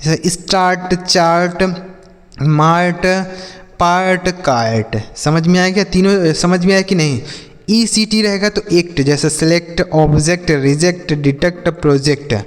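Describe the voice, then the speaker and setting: A man's voice: high-pitched, unhurried. A man teaching English reading. He spells words out letter by letter, asks what they say and repeats the answer. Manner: calls viewers children and brother. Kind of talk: spoken English reading lesson. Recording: long hall reverb.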